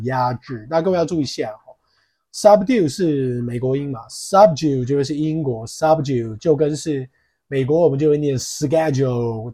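Husky-voiced man teaching English pronunciation. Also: medium pitch. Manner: explains pronunciation, repeats words slowly; lively, jokey aside. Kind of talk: podcast English lesson. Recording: podcast mic.

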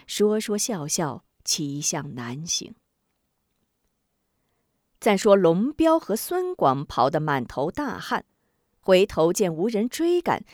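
A woman storyteller reading a martial-arts novel aloud in a steady, expressive voice. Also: fairly low pitch, no echo, studio quality.

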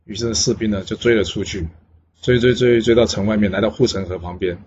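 A man retelling a classic legend in a chatty, casual way, pausing on fillers. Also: lowish voice, steady tone, darkish tone, highs cut off, slight background noise. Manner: chatty, with many pauses on fillers. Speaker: storyteller.

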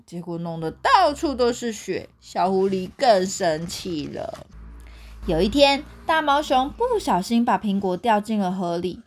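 A young woman with a Taiwanese Mandarin accent reading a picture book aloud to her child at bedtime, in an animated storytelling way. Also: medium pitch, a little slow.

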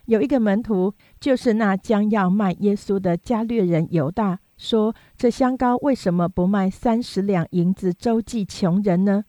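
A woman reading scripture aloud in a steady, measured way. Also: mid-range voice, no room sound. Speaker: Bible reader.

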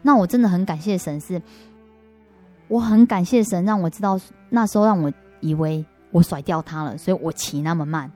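A woman's voice: fairly low pitch, brisk, dark tone, faint music behind. A woman with a Taiwanese Mandarin accent, a guest in an interview, earnestly telling her story of faith with frequent restarts. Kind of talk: personal faith testimony.

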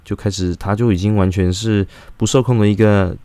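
A man's voice: fairly low pitch, steady tone, a little fast, warm tone, smooth, dry recording. A young man tells a rambling personal story in a casual vlog, full of fillers and restarts.

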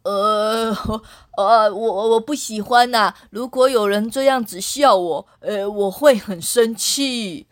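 A woman's voice: medium pitch, slow, close to an everyday voice. A woman voicing cheeky schoolboys who taunt a classmate in a singsong way in a children's story. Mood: sheepish. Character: two teasing schoolboys, cheeky and mocking.

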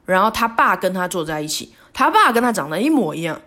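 A woman talks alone on her podcast. Her reflective monologue is halting and remorseful, and she often stops and restarts her sentences. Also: mid-range voice, sing-song, pushed and bright. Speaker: podcast host.

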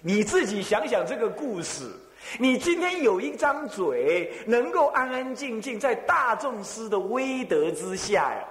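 Taiwanese monk preaching, voice swinging all over, chuckling, big echoey hall. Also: male voice, sits high, measured pace, hardly any pauses. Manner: lively storytelling, rhetorical questions, chuckles. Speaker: abbot, Buddhist teacher. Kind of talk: Buddhist dharma talk.

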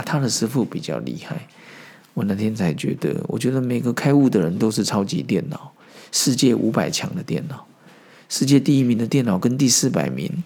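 A man's voice: medium pitch, gravelly, darkish tone, slightly rough. A man hosting a podcast, giving a casual Buddhist teaching talk, chatty asides and acted quotes. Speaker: podcast host.

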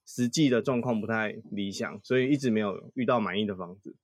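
A man, co-hosting a podcast and telling a story in a relaxed, teasing way. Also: lowish voice, fairly quick, dry recording, clean studio sound. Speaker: podcast co-host. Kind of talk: casual storytelling chat.

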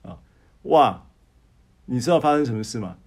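A man's voice: medium pitch, normal speed. Guy pastor preaching, tells his own story, keeps restarting words, talks right at you. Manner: animated storytelling, frequent stammered restarts; speaks to listeners directly. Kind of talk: sermon with personal testimony.

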